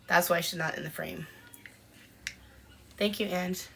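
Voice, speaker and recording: A woman co-hosting a podcast in a casual live-stream chat, chatting as she answers viewer comments with frequent ums and pauses. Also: fairly low pitch, steady tone, creaky, bright, forceful tone, a little hiss or hum. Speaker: podcast co-host.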